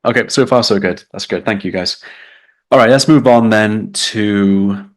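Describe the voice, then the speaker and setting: Brief: British male tutor, low-pitched, upbeat live-lesson explainer. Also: measured pace. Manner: explaining, reading chat comments aloud. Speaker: English test tutor.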